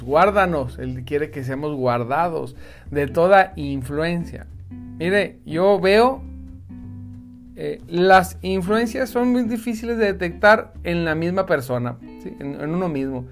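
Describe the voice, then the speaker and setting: A Bible teacher, giving devotional teaching in an animated, conversational and emphatic way. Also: mid-range voice.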